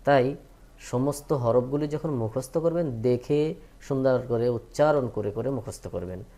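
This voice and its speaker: A man teaching Quran reading, drilling letter names slowly between plain advice to learners. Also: mid-range voice, mellow. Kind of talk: slow recitation lesson.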